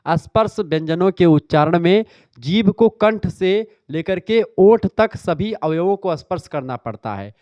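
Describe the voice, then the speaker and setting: A man's voice: high voice, animated, unhurried, warm tone, no room sound, highs cut off. A male teacher giving an exam revision lecture, explaining step by step and checking in with "theek hai". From northern India. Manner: explanatory, repeats "ठीक है" often.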